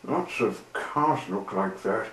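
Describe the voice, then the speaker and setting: A man voicing a calm, easygoing train driver in a storybook reading. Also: on the low side, slow pace. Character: calm steady male engine driver. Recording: roomy with faint hiss.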